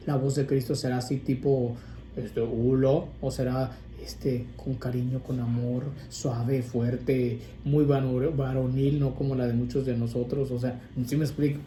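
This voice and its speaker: A male priest gives an informal, conversational sermon on prayer, often restarting and adding asides. His mid-range voice is warm, heard in an echoey room with faint ambient noise.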